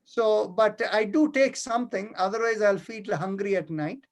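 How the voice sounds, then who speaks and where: A man from India hosts a yoga class over a video call as its teacher, talking casually. His delivery is hesitant, full of fillers and restarts, in a high voice at normal speed.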